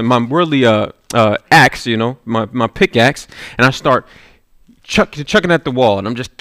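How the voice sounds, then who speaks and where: Guy preaching a sermon, mid-pitch voice, tells a story and keeps asking "right?", dry close sound. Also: a bit bright, no echo. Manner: storytelling, with rising intensity and repeated "right?".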